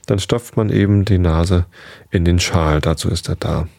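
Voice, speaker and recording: A man calmly reading a novel aloud in the first person, in an intimate storytelling manner. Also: low-pitched, moderate pace, creaky, dry recording. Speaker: audiobook reader.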